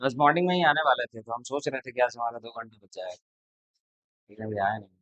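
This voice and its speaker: A man's voice: medium pitch, animated, fast, sharp tone, no room sound, muffled recording. A man tutoring a class, talking casually and bluntly to his students between problems. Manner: blunt, chatty, lecturing. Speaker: math tutor.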